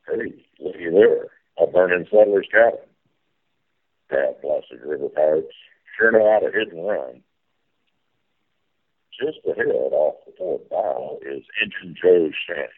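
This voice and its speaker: Man doing a gravelly, hearty riverboat captain. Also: sits low, very animated, unhurried, pauses often, narrow, tinny audio, exaggerated voice. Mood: folksy, jovial. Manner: folksy, calls orders to crew. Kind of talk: theme park ride spiel.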